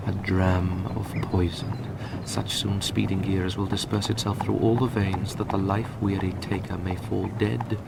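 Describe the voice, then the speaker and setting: Playing a passionate young nobleman consumed by grief, a British actor delivers Shakespearean verse in a radio drama with theatrical deliberation. His low, gravelly voice sounds urgent and persuasive. The recording is very noisy.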